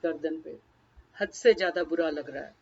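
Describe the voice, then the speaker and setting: Husky woman guiding a tapping session. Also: low-pitched, moderate pace, muffled recording. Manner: names each tapping point, then a short first-person phrase to repeat. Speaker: tapping therapy guide. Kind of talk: guided emotional freedom tapping session.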